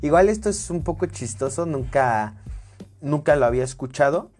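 A man's voice: on the high side, lively intonation, normal speed, a little mellow, soft background music. A man with a Mexican Spanish accent casually summarizing a productivity book, full of fillers and tag questions. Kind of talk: casual book review talk.

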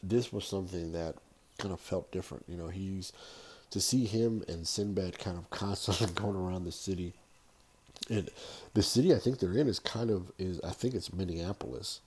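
A middle-aged man hosting a podcast, chatting casually about movies in a rambling, halting way. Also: sits low, dark tone, breathy edge. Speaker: podcast host. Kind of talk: casual solo movie-review chat.

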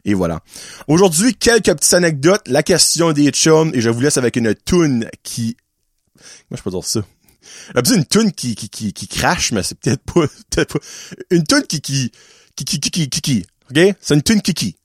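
Lively chatty podcast host. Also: male voice, a little high, normal speed, no echo, clean studio sound. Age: 30s. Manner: chatty, mixes English words into French, playful. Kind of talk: casual solo podcast chat.

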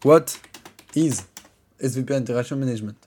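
A man's voice: medium pitch, brisk, darkish tone, husky. A man hosting a podcast, ranting in a crude, profane and sarcastic way, often stumbling into restarts. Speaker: podcast host.

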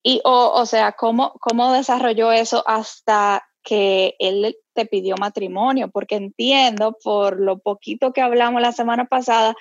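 A woman's voice: fairly high pitch, fairly even intonation, normal speed, few pauses. A woman interviewing a guest in a casual chat, curious and asking many questions. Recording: slightly dull, dry sound.

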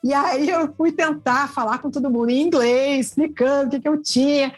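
Brazilian woman, high voice, chatty travel storyteller on a casual podcast. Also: normal speed, soft background music. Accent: Brazilian Portuguese. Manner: animated, chatty, self-deprecating. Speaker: traveler guest.

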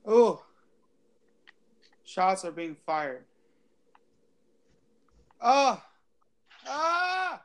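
A man's voice: sits high, moderate pace, a bit bright. A man chatting casually and exclaiming in slangy speech while playing an online game. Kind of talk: casual gaming voice chat. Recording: faint noise, keyboard clicks.

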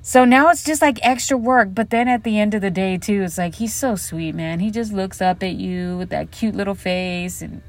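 A woman's voice: mid-range voice, moderate pace, hardly any pauses. Profane woman host talking inside a closet. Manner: frank, profane, chatty storytelling. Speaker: podcast host. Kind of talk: casual solo podcast monologue. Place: inside a hotel room closet. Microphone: podcast mic set up in the closet.

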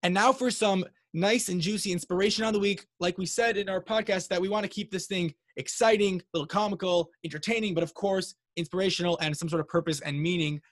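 A man's voice: sits high, fairly even intonation, fast, few pauses. A man co-hosting a podcast, chatting casually, asking questions and reacting with enthusiasm. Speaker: podcast co-host.

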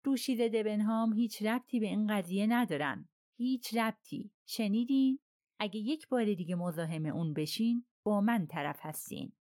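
A woman's voice: high-pitched, animated, mellow, no echo, voice pushed up. Angry colonel, middle-aged man voiced by a woman, dry close read. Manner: angry and blustering.

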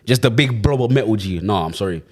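Young male host, London roadman accent, lively swooping delivery on a fairly low voice. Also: fast, slightly rough. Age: young adult. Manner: slangy urban London roadman talk. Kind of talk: casual podcast banter.

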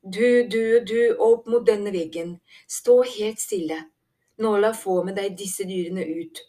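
A woman narrator puts on a caring male squirrel who leads with firm, steady instructions. The tone stays low and mellow, like a storybook read aloud. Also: lightly acted. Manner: firm, organizing orders.

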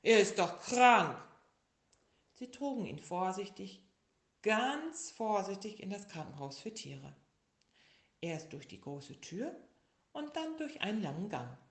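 A woman reading a children's story aloud in a slow, lively, expressive way. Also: mid-range voice. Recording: echoey room.

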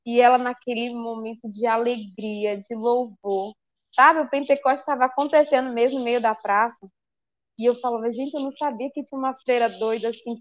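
A woman with a Brazilian Portuguese accent giving a personal religious testimony to a group, a lively storyteller who acts out the dialogue she quotes. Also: fairly high pitch, dry recording, highs cut off.

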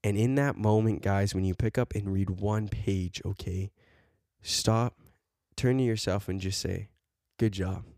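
A man's voice: on the low side, steady tone, measured pace, a little mellow, no room sound, clean studio sound. A man co-hosting a podcast in casual chat, preaching with fired-up energy and dropping bro and man between points. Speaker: podcast co-host.

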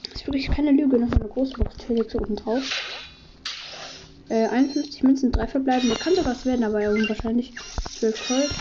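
A woman hosting casual gameplay commentary, upbeat and slightly hoarse from a cold, reading out item counts in quick bursts. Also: fairly high pitch, background noise. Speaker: gaming channel host. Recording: dull lo-fi audio with game music. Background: game music.

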